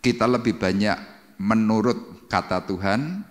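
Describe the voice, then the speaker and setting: Speaking on the low side and without hurry, a male pastor delivers a Pentecostal sermon in a church hall. He dramatizes it for the congregation with cries and sound effects, and the room's long reverb colors the recording.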